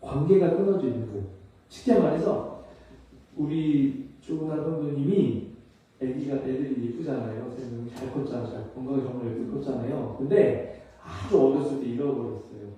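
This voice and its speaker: A man's voice: mid-range voice, brisk, dark tone. A man preaching a conversational sermon as pastor, often asking his listeners questions and acting out little scenes of dialogue. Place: church hall. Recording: echoey church room, mic at a distance.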